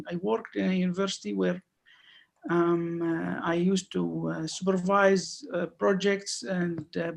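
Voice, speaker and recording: A man's voice: sits high, creaky. A man in his thirties from Syria, a guest lecturer on a video call webinar, speaking hesitantly with many fillers and restarts. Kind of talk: webinar talk.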